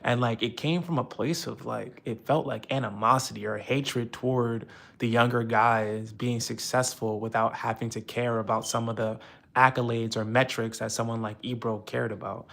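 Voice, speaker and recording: A man's voice: mid-range voice, fairly even intonation, normal speed, vocal fry, fairly bright tone. A young man from the United States talking casually and frustratedly on a live stream, rambling with many fillers.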